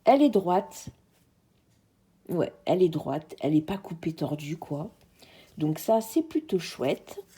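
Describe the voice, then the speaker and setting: A woman's voice: on the low side, very animated, takes it slowly, long pauses, dark tone, slightly rough. A woman with a French accent chatting casually to her viewers as she unboxes a craft kit, hesitant and friendly, often speaking to them directly. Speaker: craft vlogger.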